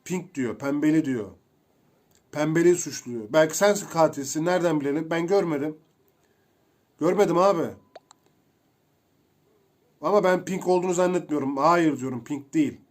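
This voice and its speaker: A young man giving casual, excitable commentary while playing a video game, chatting to his viewers as he goes. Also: on the high side, moderate pace, pauses often. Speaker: gameplay streamer.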